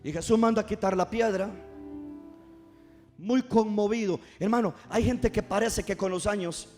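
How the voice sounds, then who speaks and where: A man's voice: high voice, normal speed, darkish tone, faint music behind. A man preaching a passionate sermon, firing rhetorical questions at his congregation. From Costa Rica. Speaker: pastor. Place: church service.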